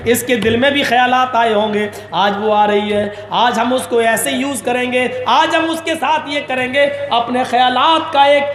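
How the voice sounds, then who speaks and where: Impassioned high-voiced preacher in a hall. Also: male voice, steady tone, hardly any pauses, faint music behind. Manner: impassioned, rises to shouts and chanted lines. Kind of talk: impassioned sermon. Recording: echoey hall reverb.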